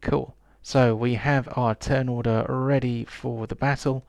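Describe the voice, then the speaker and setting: Brief: male game master narrating a tabletop game, mid-pitched and halting, recorded dry. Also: flat delivery, vocal fry, a little mellow, no echo. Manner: halting, many fillers.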